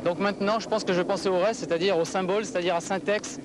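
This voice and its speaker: A man interviewed outdoors speaks in an earnest, rushed way about his mission. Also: high voice, steady tone, background noise. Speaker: interviewee, pilot.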